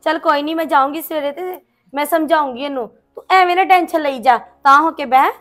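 A woman playing a sister-in-law who hosts a visitor and gives steady, reassuring advice with some gentle scolding, in a family drama. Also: sits high, brisk. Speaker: character in a family drama vlog. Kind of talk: hobby village family drama.

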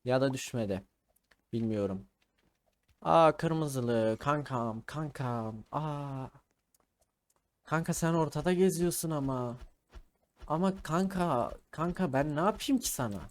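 A man with a slightly high voice narrates his gameplay in a loose, casual way. He needles and taunts the other players in a joking tone, never really angry. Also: animated, slow, long pauses. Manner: playful trash-talking, teasing opponents. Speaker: gaming video creator. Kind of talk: casual gaming commentary.

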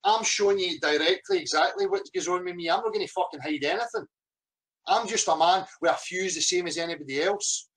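A man with a notably high-pitched voice unloads an angry rant straight to camera. He is heated and confrontational, and he swears in nearly every line. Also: brisk, fairly bright tone, rough recording. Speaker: vlogger.

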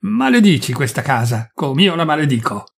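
A man's voice: on the high side, sing-song, moderate pace, gravelly, fairly bright tone, breathy edge, heavily acted. A man voicing an elderly mother, imperious and indignant, her commands trembling with scorn and grief, in a literary audiobook reading.

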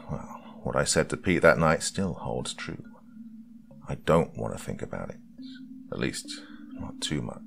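A man with an extremely deep, gravelly voice reads a first-person horror story aloud. His delivery is slow and hushed, close to the mic, with faint music playing underneath. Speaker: narrator. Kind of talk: scripted horror story narration.

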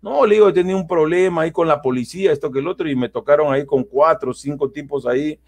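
A man tells a story in casual conversation. His voice sits a bit high, and he acts out the quotes with lively energy, often restarting his sentences. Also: fast talker. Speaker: guest.

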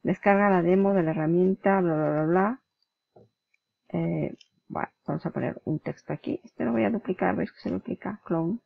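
Woman, vocal fry. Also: lowish voice, moderate pace, dry recording. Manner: chatty, explains step by step, mimics clicks and flips aloud. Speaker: tutorial host. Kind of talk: screen-recorded software tutorial. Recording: dull lo-fi dry recording.

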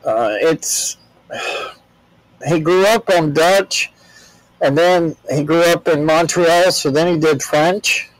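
A man's voice: a little high, slow, long pauses, dry recording, rough recording. An older American man talking as an interview guest, telling travel stories in a rambling, plainspoken way with frequent restarts. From United States. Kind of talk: relaxed storytelling in an interview.

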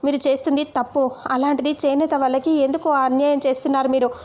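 A woman's voice: high-pitched, flat delivery, quick pace, a little mellow, natural voice. A woman voicing a young woman who boldly protests against injustice in an earnest manner. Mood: protesting.

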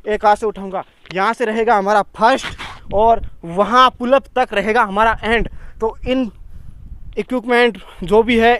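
A man's voice: sits high, smooth. A young man vlogging about a fitness challenge, talking straight to viewers with energy, recorded on a camera mic in an open-air desert gym. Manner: energetic, direct address to viewers. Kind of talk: casual vlog talk to camera.

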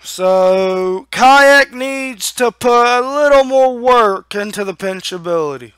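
A young man giving a casual, halting review to camera on a headset mic, talking with a lip full of dip. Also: very high-pitched, expressive, fairly bright tone, clean tone, dry recording, studio quality. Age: young adult. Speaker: amateur product reviewer. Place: small room at home. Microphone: headset microphone.

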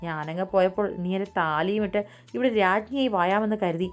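A woman's voice: mid-range voice, fairly quick, lightly acted. A spiteful, spoiled young woman , as a female narrator puts her on, snapping cruel, cutting words at her sister in an ordinary mid-range voice. Faint music plays beneath the storybook reading. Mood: angry. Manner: sharp, shouting insults.

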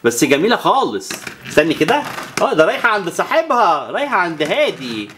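A woman's voice: on the low side, big pitch swings, fast talker, a bit bright, a little hiss or hum. A woman with an Egyptian Arabic accent plays with toys next to a child and talks to viewers. She counts aloud and makes whooshing sound effects. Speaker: toy channel presenter. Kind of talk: playing with toys alongside a child and talking to viewers.

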